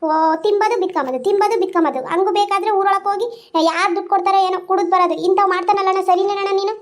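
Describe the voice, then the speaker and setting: A fed-up young village wife, voiced by a woman for a cartoon. She pours out grievances in a very high, rapid voice, pleading and aggrieved. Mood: complaining. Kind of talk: animated village drama voice-over.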